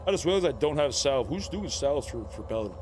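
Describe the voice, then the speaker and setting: A man streaming a game raid, chatting excitedly and repeating his phrases in quick bursts. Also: medium pitch, background noise. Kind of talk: casual live-stream chat.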